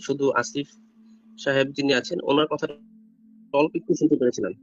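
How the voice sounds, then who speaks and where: A man's voice: mid-range voice, fairly even intonation, a little fast, soft background music. A man joining a discussion over a remote internet call, his voice choppy and lagging, speaking politely and repeating short agreements. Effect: choppy, lagging internet call audio. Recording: dull lo-fi call audio from far off.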